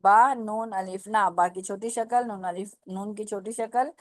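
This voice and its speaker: A woman's voice: medium pitch, fairly even intonation, no room sound. A woman teaching the Urdu script in an online lesson, patiently sounding out letters and words syllable by syllable and checking that students follow. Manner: slow, drawn-out syllable-by-syllable drills; patient, repeats and checks understanding.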